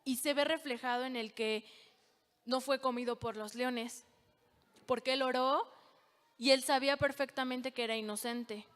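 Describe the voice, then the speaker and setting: A woman preacher giving an earnest, emphatic sermon, reading scripture aloud and pausing often. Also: sits high, steady tone, a bit bright. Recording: long reverb of a large hall.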